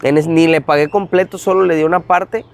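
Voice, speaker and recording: A man with a Mexican accent, a guest in an interview recounting a personal testimony in an animated way, acting out the dialogue. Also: a little high, a little fast. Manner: animated, acts out dialogue in retelling. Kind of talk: storytelling testimony.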